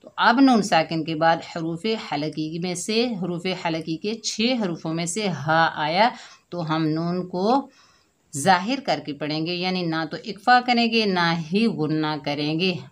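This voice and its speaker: Slow, deliberate woman teaching recitation. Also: lowish voice. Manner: slow, deliberate explaining, with drawn-out chanted examples; often checks in with "theek hai". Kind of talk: step-by-step tajweed lesson.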